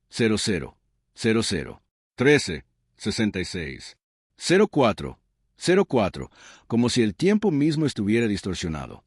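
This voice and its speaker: A man's voice: fairly low pitch, no echo, studio quality. A man reading a scripted horror story in a dramatic, suspenseful storytelling manner. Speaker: narrator.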